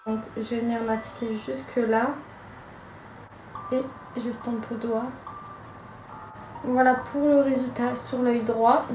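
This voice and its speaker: A young woman chats her way through a makeup tutorial at home, hesitant and full of little fillers. Her voice sits a touch high and rings around an echoey room, with music playing clearly behind her. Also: little pitch movement, takes it slowly, pauses often. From France. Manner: chatty, hesitant, with frequent fillers. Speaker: makeup vlogger. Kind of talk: casual makeup tutorial narration. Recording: roomy echo with music behind.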